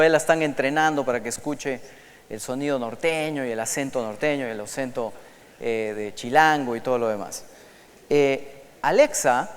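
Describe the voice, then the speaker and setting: A man speaking to a large auditorium through a microphone, his smooth, resonant voice carrying a long hall reverb. He lectures in an animated way, asking the crowd questions and switching into English to quote. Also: medium pitch. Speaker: conference speaker. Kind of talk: lecture to an audience.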